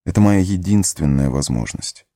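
A man voicing a weary, resolute young male hobbit in an audiobook, earnest and gently firm. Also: lowish voice, expressive, moderate pace, no echo, clean studio sound, pitched above the performer's own voice. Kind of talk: audiobook character voice.

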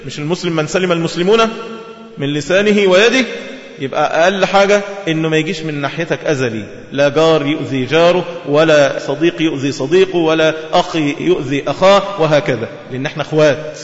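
A man with an Egyptian accent delivers a lively sermon at a quick clip, his voice pitched high. He keeps asking the audience rhetorical questions. The recording is dull and lo-fi, with a long echo from a large hall. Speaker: preacher. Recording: echoey hall, dull lo-fi sound.

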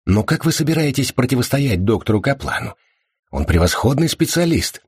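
A man's voice: medium pitch, big pitch swings, normal speed, breathy edge, no room sound, studio quality, pitched above the performer's own voice, heavily acted. A man voicing a sly, evasive young male hacker in an audiobook, with a smug, teasing manner. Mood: earnest. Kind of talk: audiobook character voice.

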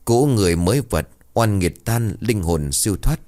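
A man voicing a calm middle-aged male ritual master who speaks prayers in a solemn, measured way. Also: fairly low pitch, natural voice.

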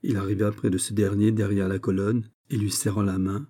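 A man narrating a classic novel as an audiobook, in a measured and steady way. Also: lowish voice.

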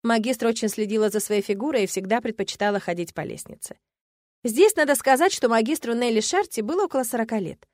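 Female audiobook narrator, fairly high, lively first-person read, dry sound. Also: fast talker, no room sound. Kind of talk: scripted narration.

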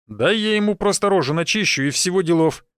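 Мужчина изображает драчливого толстого парня. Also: male voice, high voice, animated, fairly quick, clear, resonant tone, no echo, studio quality, voice pushed up. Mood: aggressive. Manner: loud, pushy, impatient. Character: hot-headed, stout young man itching to fight.

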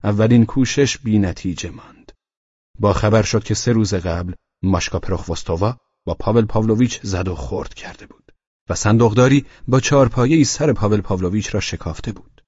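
A man narrating a novel as an audiobook in a steady, measured reading. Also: on the low side, husky, dry recording. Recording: dull lo-fi dry recording.

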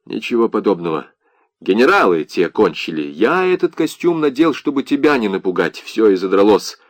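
A man's voice: lowish voice, dry recording, clean studio sound, voice pushed down. A man reading an audiobook voices a bitter, despairing soldier just back from a lost war. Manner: bitter, agitated.

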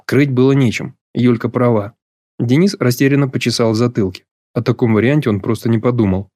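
Calm male audiobook narrator. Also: medium pitch, no room sound, clean studio sound. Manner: measured, even storytelling. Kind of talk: scripted literary narration.

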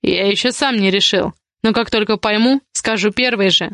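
A woman's voice: fairly bright tone, dry recording, studio quality, natural voice. A woman reading the lines of an angry, possessive man, a domineering guardian, with curt commands. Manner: curt, commanding, low and slow.

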